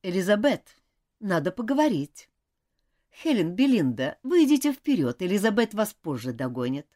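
A woman's voice: mid-range voice, sing-song, normal speed, warm tone, close to an everyday voice. A woman voicing a strict, indignant older schoolgirl who questions insistently in a storybook reading. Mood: serious.

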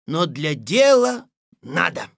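A man voicing a sly, fawning male palace scribe in a shrill, wheedling voice. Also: sing-song, slow pace, vocal fry, no echo, clean studio sound, exaggerated voice.

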